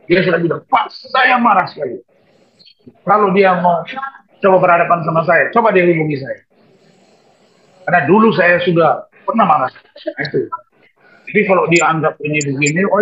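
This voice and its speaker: A man speaking as a lawyer at a press conference, emphatic and repetitive. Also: high voice. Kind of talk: press statement and Q&A. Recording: dull lo-fi sound.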